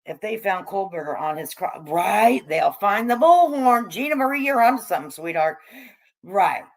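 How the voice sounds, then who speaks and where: She's a middle-aged or older American raised among hippies, hosting a casual livestream where she reads chat and replies with joking commentary. Her manner is salty, slangy, and irreverent, her pitch slightly low, and she speaks animatedly at a moderate pace.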